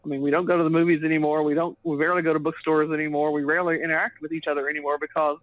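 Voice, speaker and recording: Talking very fast in a low-pitched voice with little pitch movement, a Texas-born author and business coach answers a remote interview. She's fluent and chatty and laughs often while speaking; the recording is rough.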